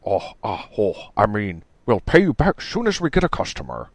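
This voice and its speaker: A man's voice: lowish voice, wildly swooping pitch, normal speed, no echo, full character voice. A man voicing a bumbling, optimistic young man who fumbles his words cheerfully.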